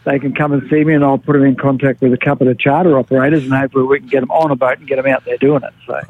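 Speaking very fast in a medium-pitched voice with little pitch movement, a man who is a fishing tackle shop expert gives a laid-back, colloquial fishing report as a radio guest. The sound is dry and comes over a thin phone line on the radio.

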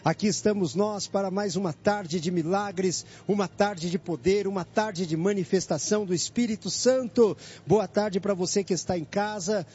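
A man's voice: high voice, normal speed, darkish tone. A Brazilian man hosting an evangelical radio broadcast, fervently inviting listeners to come to church. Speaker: radio host. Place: church headquarters, live broadcast. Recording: dull lo-fi radio broadcast with faint noise.

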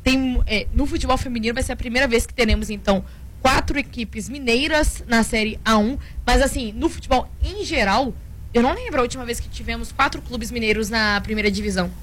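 Jovem comentarista mineira falante. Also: female voice, on the high side, slight background noise. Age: 20s. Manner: chatty, quick opinions on women's football. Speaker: sports radio co-host. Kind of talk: sports talk.

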